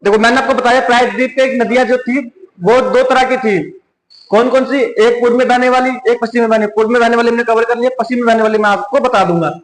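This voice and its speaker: A man's voice: very high voice, steady tone, quick pace, slight background noise. A man with a Hindi accent teaching an exam-prep lesson, repeating each question and answering it himself. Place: coaching classroom. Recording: echoey room.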